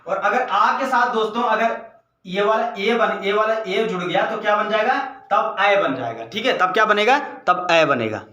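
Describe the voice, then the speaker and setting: A man with a high, bright voice teaches a grammar lesson for exam candidates. He keeps asking his own questions and answering them. He sounds set back from the mic in a strongly echoing room. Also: expressive, moderate pace. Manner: repetitive question-and-answer teaching, addresses viewers as friends. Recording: echoey room, mic at a distance.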